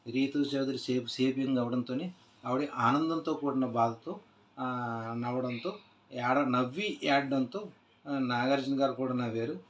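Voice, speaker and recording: A man's voice: mid-range voice, unhurried, pauses often. A man casually recapping a reality show episode, retelling scenes loosely with many "aa" fillers and restarts. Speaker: TV show reviewer. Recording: echoey room.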